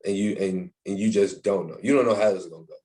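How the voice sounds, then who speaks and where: A man's voice: low voice, quick pace, a little mellow. A young man talking casually in an interview, with many restarts and fillers. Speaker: interviewee, university staff member.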